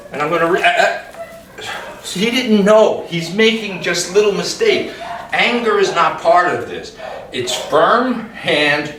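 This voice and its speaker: A man working as a dog trainer, calmly explaining a hands-on demonstration and giving short commands to dogs. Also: on the high side. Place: room in a house. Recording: echoey room, mic far off, background noise.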